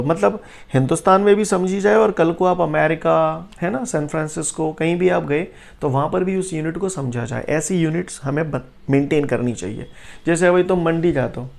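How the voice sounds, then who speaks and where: Young man as physics teacher. Gravelly, a little high-pitched, teasing and playful, swings between low explaining and loud excited jokes. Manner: jokey, keeps asking "clear?" and "bolo bhaiya". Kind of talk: classroom lecture.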